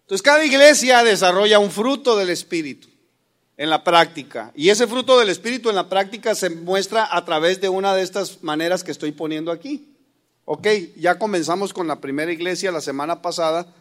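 High-voiced Mexican pastor preaching. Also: male voice, a little fast, fairly bright tone. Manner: folksy, joking, addresses listeners as brothers. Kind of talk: sermon.

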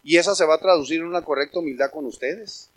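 A pastor preaching a sermon, emphatic and speaking directly to the congregation as brothers. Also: male voice, a little high, fast.

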